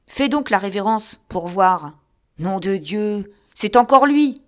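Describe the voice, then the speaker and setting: A woman voicing a delirious drunk man who yells frantically in rough slang. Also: medium pitch, a little slow, lightly acted. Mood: raving.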